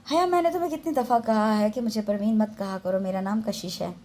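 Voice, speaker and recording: A woman's voice: mid-range voice, brisk, a little mellow, lightly acted. A woman voicing a prissy young woman who acts like a TV drama heroine, speaking with put-on grace. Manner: prissy and affected.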